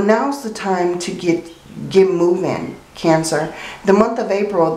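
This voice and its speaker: A woman's voice: on the low side, darkish tone, echoey room, low-quality recording. A woman with a congested, stuffy nose gives a casual, reassuring tarot reading straight to the viewer, often checking in with short questions. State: congested sinuses. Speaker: tarot card reader, host.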